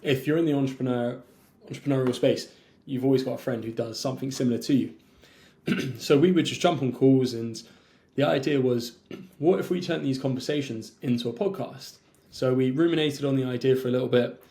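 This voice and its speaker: A young man from London, an entrepreneur guest on a podcast, telling his story in a fluent, conversational way and now and then clearing his throat. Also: mid-range voice, a little fast, warm tone. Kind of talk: casual interview chat.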